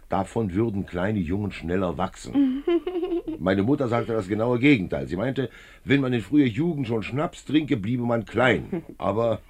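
Genial older police commissioner, 1950s German radio drama. Deep, husky, very lively melody, slyly chatty. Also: male voice, heavily acted. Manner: jovial, chatty, sly probing with little chuckles.

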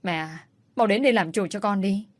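A woman voicing a stubborn, crafty young woman who pleads and sulks in a quick, whiny way. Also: mid-range voice, no echo, natural voice.

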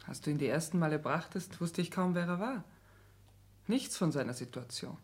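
An actress in a 1960s German radio play voices a proud, earnest young countess and obedient daughter, her delivery formal and frequently hushed. Here her deep voice is animated at a moderate pace, sounding earnest and yielding.

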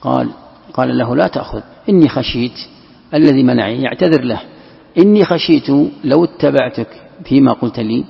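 A male scholar explains a text in a lesson and often repeats words for emphasis. His voice is heavily gravelly and very husky. The dull, lo-fi recording carries a long reverb from the hall. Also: medium pitch, brisk. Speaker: Islamic scholar teaching Quran commentary. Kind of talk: classroom commentary lesson.

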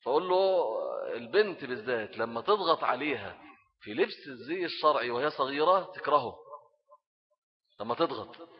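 A middle-aged man with an Egyptian Arabic accent giving a religious talk on raising children, animated and acting out little scenes as he speaks. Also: medium pitch, a little fast, long pauses, husky. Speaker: Islamic preacher. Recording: dull lo-fi recording.

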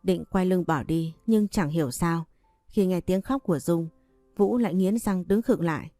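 A woman reads a story aloud in a steady, even manner. Her voice is low and mellow, recorded close and dry with soft background music. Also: normal speed, no echo. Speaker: audiobook narrator. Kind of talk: scripted story narration.

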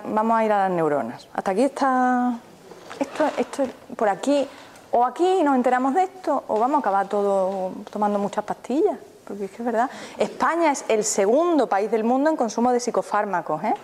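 A woman's voice: a little high, lively intonation, normal speed, darkish tone. A woman, a therapist giving a live mindfulness talk, who keeps turning to the audience with questions. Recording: reverberant hall, faint background noise.

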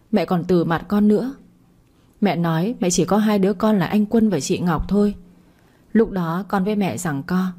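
A woman's voice: medium pitch, mellow, lightly acted. A woman voicing a scheming grown daughter who pleads and stammers defensively.

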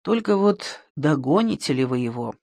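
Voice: medium pitch, sing-song, moderate pace, gravelly, a little mellow, dry recording. A reader playing a sly old village shepherd. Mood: cocky. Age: older. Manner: folksy rural speech.

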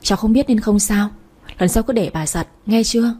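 Woman reading as a meek, gentle old grandmother. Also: a little high, moderate pace, breathy edge. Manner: soft, soothing, placating.

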